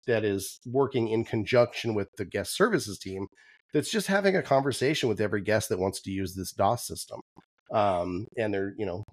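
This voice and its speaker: A man co-hosting a podcast, chatting casually with frequent ums and restarts, his voice going hoarse. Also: medium pitch, no echo. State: losing his voice. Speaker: podcast co-host. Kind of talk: casual chat.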